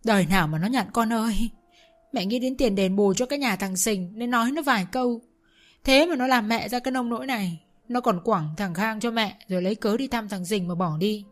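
A woman voicing a scheming older mother-in-law who sobs and accuses in a shrill, complaining voice. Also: a little fast, soft background music, lightly acted. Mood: wailing accusation.

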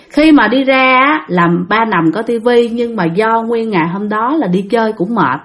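A young woman telling a ghost story in a chatty way, talking straight to her listeners. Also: medium pitch. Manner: chatty, addresses listeners directly.

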